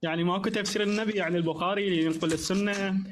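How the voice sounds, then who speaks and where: A man's voice: high voice, fairly even intonation, rapid-fire, slight background noise. A man with an Iraqi Arabic accent in an online religious debate, insistently repeating the same question. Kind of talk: heated live debate.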